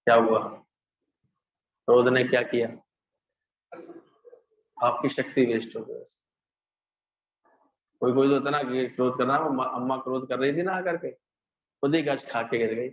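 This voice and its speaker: A man giving a spiritual discourse, talking conversationally, asking rhetorical questions and acting out loud and hushed voices. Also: medium pitch, fairly even intonation, normal speed, long pauses. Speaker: spiritual teacher. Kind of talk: Hindi satsang discourse. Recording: echoey, dull lo-fi hall recording.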